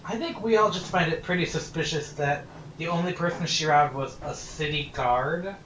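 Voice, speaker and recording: A man's voice: fairly high pitch, moderate pace, a bit bright, a little hiss or hum. A man playing a tabletop role-playing game, earnestly probing the guards. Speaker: player. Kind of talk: in-character tabletop play. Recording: roomy, off-mic.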